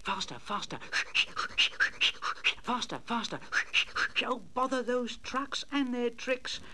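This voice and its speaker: A man's voice: very high-pitched, lively intonation, takes it slowly, pitched above the performer's own voice, full character voice. A man voicing an eager, plucky little male tank engine in a storybook, urgent and emphatic. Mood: urgent, worried. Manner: urgent, emphatic, repeating phrases. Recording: noisy old storybook LP.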